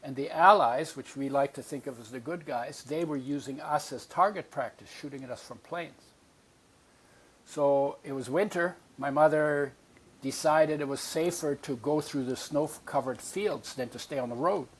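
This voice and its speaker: A Polish-born man in his eighties tells his life story as a podcast guest, animatedly acting out voices he remembers. His voice sits fairly high and moves at a normal speed, with a slight hiss or hum on the recording.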